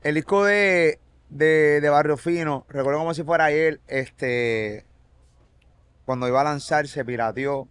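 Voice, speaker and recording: A man's voice: a little high, steady tone, unhurried, smooth, no room sound. A man with a Puerto Rican Spanish accent hosting a casual interview, chatty and leading into his questions with memories of his own. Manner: chatty, prompting questions with recollections. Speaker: interview host.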